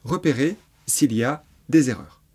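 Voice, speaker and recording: A man's voice: mid-range voice, expressive, moderate pace, background noise. A man teaching French grammar in a patient lesson, repeating examples and spelling words letter by letter. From France. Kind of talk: slow explanatory lesson.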